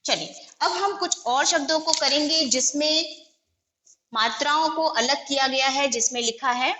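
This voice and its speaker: A woman with a high voice, unhurried yet pushed and bright, patiently takes her class through a lesson, spelling out each word's letters and vowel signs in turn. Faint noise and echo fill the room.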